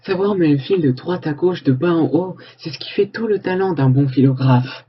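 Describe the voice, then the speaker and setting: A man's voice: on the high side, moderate pace, slightly rough, highs cut off. A man playing an earnest TV reporter, reading scripted narration for a parody news report.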